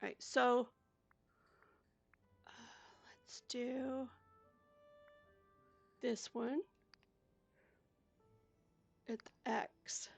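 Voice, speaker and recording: Soft, slow, gravelly older woman. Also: fairly high pitch, fairly even intonation, soft background music. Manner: chatty, soft-spoken, talks herself through each step. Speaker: gaming YouTuber. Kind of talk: casual gameplay commentary.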